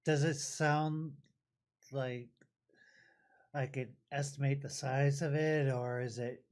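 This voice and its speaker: A man's voice: mid-range voice, fairly even intonation, slow, a little mellow. A man playing a tabletop game, chatting and asking the game master questions. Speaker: player. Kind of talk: casual tabletop play.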